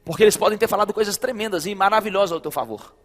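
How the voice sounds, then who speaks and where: A man's voice: sits high, racing, a bit bright, long reverb tail, faint music behind. A man with a Brazilian Portuguese accent preaching a sermon as pastor, emphatic and repetitive, talking straight to the congregation. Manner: emphatic preaching, repeating phrases, addressing listeners as brother. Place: church service hall.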